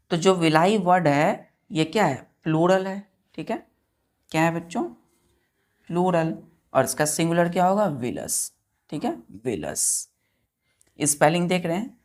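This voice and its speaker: An Indian woman teacher giving a science lesson. She dictates slowly, spells words out letter by letter and keeps asking her students questions. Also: on the low side, a little mellow. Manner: quizzes students with repeated questions.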